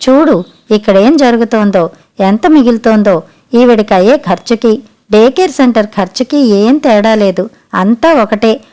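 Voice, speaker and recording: Storybook figure, annoyed young mother, read by a woman, reproachful questions, fairly high voice. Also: lively intonation, measured pace, mellow. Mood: scolding. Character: irritated young mother, scolding her mother-in-law.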